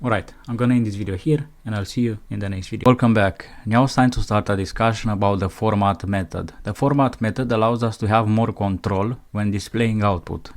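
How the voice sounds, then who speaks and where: Man slowly dictating code as he types. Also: fairly low pitch, steady tone. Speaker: programming instructor. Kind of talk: screencast coding tutorial.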